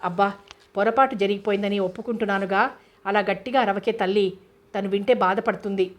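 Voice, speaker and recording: A woman's voice: mid-range voice, fairly even intonation, a little fast, close to an everyday voice. A woman voicing a remorseful young man who apologizes and pleads with his elder sister, read in an audiobook. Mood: pleading. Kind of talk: audiobook character reading.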